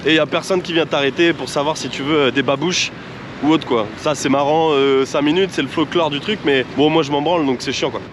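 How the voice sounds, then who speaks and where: A man's voice: fairly high pitch, fairly even intonation, brisk, noisy background. Man with a sick, swollen-throat voice. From France. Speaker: travel vlogger. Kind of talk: casual vlog chat to camera.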